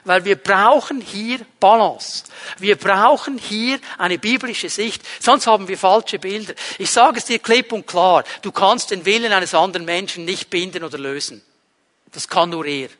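A man preaches in a high, bright voice, stressing his points and speaking straight to his listeners. His voice rings with a long reverb through a church hall. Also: moderate pace. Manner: emphatic, addresses listeners directly. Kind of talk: sermon.

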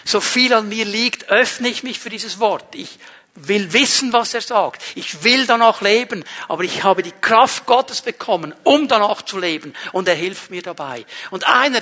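High bright-voiced male preacher. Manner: earnest, emphatic, shifts between loud and soft. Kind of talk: sermon.

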